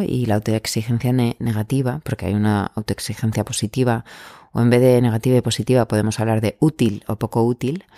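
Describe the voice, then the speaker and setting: A man working as an anxiety coach, giving calm self-help advice in a gentle, measured, encouraging way. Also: medium pitch, dry recording, clean studio sound.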